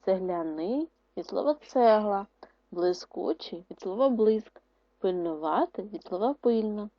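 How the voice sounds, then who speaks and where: A woman teacher giving a video lesson to schoolchildren, dictating words slowly and explaining rules in a clear, instructive way. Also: mid-range voice, lively intonation, dry recording. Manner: slow, syllable-by-syllable dictation of words. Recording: dry, muffled lo-fi recording.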